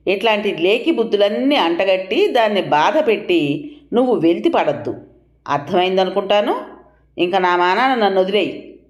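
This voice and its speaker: A weary middle-aged husband tries to reason with his wife, patience worn thin, as a woman narrator voices him. The lines rise and fall with lively pitch in an echoey room. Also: normal speed, close to an everyday voice. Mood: exasperated. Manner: irritated, placating.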